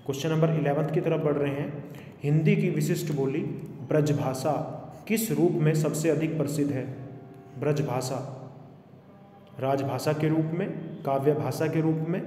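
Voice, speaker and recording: A man coaching for exams online teaches a quiz lesson in a slightly high, warm voice at normal speed with fairly even intonation. He goes over questions repeatedly for instruction and switches into English phrases, all in an echoey room with faint noise.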